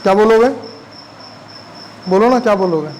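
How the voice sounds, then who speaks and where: A man's voice: high-pitched, normal speed, a little hiss or hum, rough recording. A man teaching a physics class, chatty and constantly quizzing his students. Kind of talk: classroom lecture.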